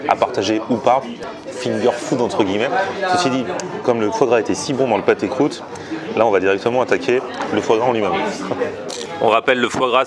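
A man in his thirties hosting a casual food vlog, eagerly exclaiming over dishes in a restaurant. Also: lowish voice. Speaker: food vlogger host. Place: busy restaurant.

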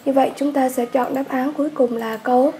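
A woman teaching an English workbook lesson with a Vietnamese accent, patiently repeating words slowly for her students. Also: high-pitched, fairly even intonation, warm tone, a little hiss or hum.

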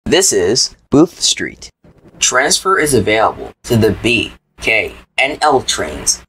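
Male transit announcer, airport-announcement style: formal, measured, slightly deep, animated intonation. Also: breathy edge, low-quality recording. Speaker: train announcer.

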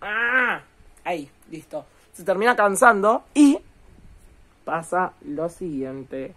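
A woman, casually and indignantly recapping a TV episode in a chatty, animated way. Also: lowish voice, takes it slowly. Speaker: commentator.

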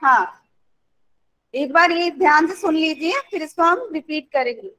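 A woman music teacher who sings sargam note names slowly and patiently explains each step of a raga song to her class. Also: high-pitched, expressive, a bit bright, rough recording.

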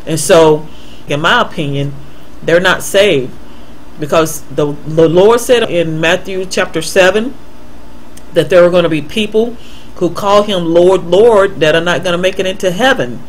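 A man earnestly explaining Bible passages in a voice-over, answering a viewer's email and pausing often with fillers and restarts. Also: high voice, a little hiss or hum, poor audio. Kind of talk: unscripted Bible commentary voice-over.

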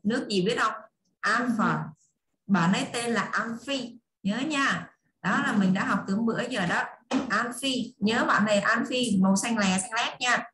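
A woman's voice: fairly high pitch, a little slow, a bit bright. Sex: woman. Role: English tutor. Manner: coaxing, repeating, explaining. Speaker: online English tutor for children. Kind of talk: teaching English to kids. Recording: echoey room, faint hiss and clicks.

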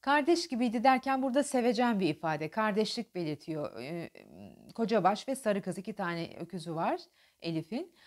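A woman teaching diction, explaining pauses and stress and reciting poetry lines with strong emphasis. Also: mid-range voice, animated. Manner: alternates explanation with dramatic poem recitation, marked pauses and stress. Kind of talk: diction lesson with poetry reading.

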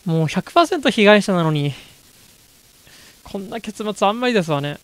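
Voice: mid-range voice, animated, a little fast, lightly acted. Someone putting on a haughty noble young lady. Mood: prim, judgmental. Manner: haughty noble-lady speech, primly polite and judgmental. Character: haughty, genteel young lady commenting on horror. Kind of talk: horror game let's play commentary.

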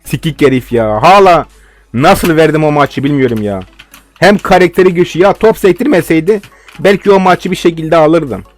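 A young man commenting on his own football game as he plays, with a slightly high voice. He rants and swears nonstop at his opponents. Soft music plays behind him. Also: normal speed. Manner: frustrated ranting, heavy swearing. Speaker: gaming video host.

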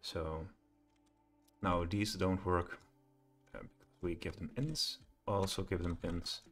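Low-voiced man thinking aloud while coding. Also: fairly even intonation, slow pace, soft background music. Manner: thinking aloud, hesitant with many fillers. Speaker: programming tutor. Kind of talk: live coding walkthrough.

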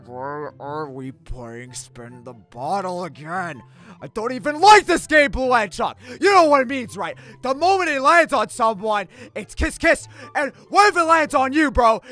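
A man's voice: very high-pitched, animated, moderate pace, sharp tone, heavily acted. A man voicing a grumpy, easily panicked cartoon hedgehog antihero, ranting in exasperation and stammering when nervous. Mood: exasperated. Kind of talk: comic dub voice acting. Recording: music playing behind the voice.

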